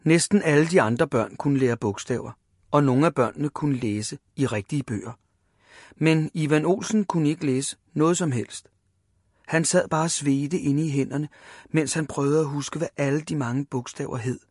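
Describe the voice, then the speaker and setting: A man reading a children's story aloud, lively and voicing the characters. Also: on the high side, slightly rough, no echo, clean studio sound.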